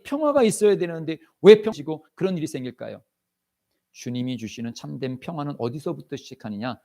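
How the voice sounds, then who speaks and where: A man's voice: a little high, gravelly, darkish tone. A male pastor preaching a Sunday sermon during live worship, emphatic and full of rhetorical questions. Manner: emphatic, rhetorical questions, often acts out quotes.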